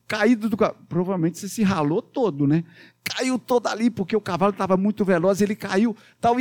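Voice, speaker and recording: A pastor with a Minas Gerais accent telling a Bible story to children, animated and playful, with sound effects and questions to the kids. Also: male voice, high-pitched.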